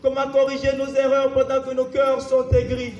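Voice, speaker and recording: This very high-pitched man performs theatrical slam poetry at normal speed with a completely flat delivery and a slightly mellow quality, the audio sounding dull. He is declamatory, intense and anguished, with insistent repetition. He is captured from a distance on an echoey live festival stage, flute music in the background.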